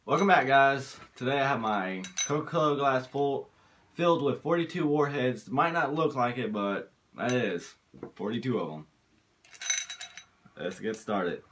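A man's voice: mid-range voice, a little slow, fairly bright tone, slight background noise. A man in a casual vlog challenge, talking with his mouth full of sour candy. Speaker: challenge eater.

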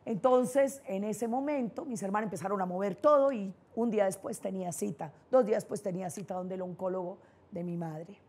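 A middle-aged woman with a Colombian paisa accent gives a motivational talk, telling her own stories with candid emphasis. Her voice is warm and mellow, with a slightly husky grain. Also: medium pitch, brisk. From Colombia (Antioquia). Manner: personal storytelling, emphatic and candid. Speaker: neurolinguistic programming trainer, speaker.

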